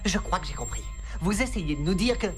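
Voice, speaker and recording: Cartoon sidekick: a zealous schoolboy, lowish voice, pompous and obsequious, music underneath. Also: female voice, sing-song, brisk. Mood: reverent, fawning. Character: zealous, fawning schoolboy Templeton, devotee of a machine. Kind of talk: cartoon dub acting.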